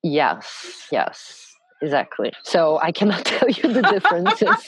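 A woman from Brazil, a podcast guest in casual chat who pauses thoughtfully to search for words. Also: fairly low pitch, wildly swooping pitch, breathy edge, dry recording.

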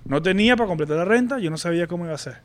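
High-voiced Venezuelan man telling a story. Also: lively intonation. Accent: Venezuelan Spanish. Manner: candid, halting, full of slang and restarts. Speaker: podcast co-host. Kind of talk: casual personal storytelling.

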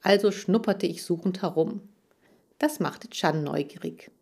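A woman's voice: fairly low pitch, a little slow, gravelly, a little mellow, slightly rough. Woman narrating a children's storybook. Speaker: audiobook narrator.

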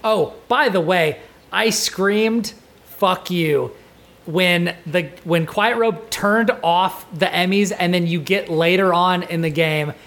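High, gravelly-voiced man co-hosting. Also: slow pace. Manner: animated, swears when excited. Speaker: podcast co-host. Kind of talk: casual game discussion.

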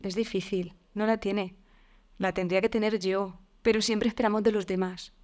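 A woman, a podcast guest talking openly and reflectively, with frequent fillers and soft laughs. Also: mid-range voice, steady tone, moderate pace. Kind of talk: candid conversational interview.

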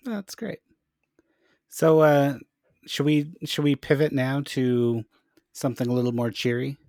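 A man's voice: medium pitch, steady tone, unhurried, a little mellow, dry recording, studio quality. Joking male podcast host. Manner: playful, jokey, steers the topics. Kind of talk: casual podcast chat.

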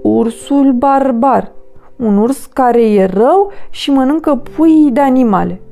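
Zumzi, a shrill little forest creature. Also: female voice, vocal fry, warm tone, soft background music. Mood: earnest. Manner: shrill, urgent. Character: brave excitable little female forest creature.

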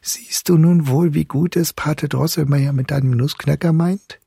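A man's voice: a little high, fairly even intonation, normal speed, gravelly, slightly rough, dry recording, clean studio sound, pitched above the performer's own voice, full character voice. A man doing an earnest mother. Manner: earnest, gentle. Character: concerned, serious mother.

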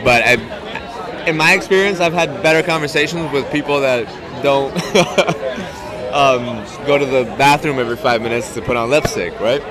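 Male podcast host, halting casual chat, busy market crowd behind him. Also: medium pitch. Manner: hesitant, restarts often, laughs a lot. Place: outdoor market bar, crowded. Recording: loud crowd noise around. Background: crowd chatter.

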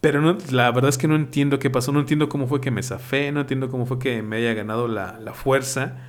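A man's voice: medium pitch, fairly even intonation, fast. Mexican man telling childhood stories. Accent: Mexican Spanish. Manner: storytelling, laughs often, acts out quoted voices. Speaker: podcast co-host. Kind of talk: casual podcast chat.

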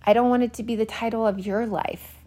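A woman in her forties hosting a podcast, telling a personal story in a quick, animated, self-mocking way, a little out of breath. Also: a little high. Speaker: podcast host. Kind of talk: personal monologue.

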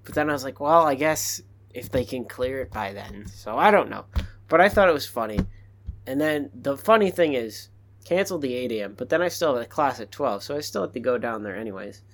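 A man's voice: medium pitch, expressive, fast, a bit bright, a little hiss or hum. A young man co-hosting a podcast, telling a rambling story in casual chat, full of fillers, a bit out of breath. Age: young adult. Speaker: podcast co-host.

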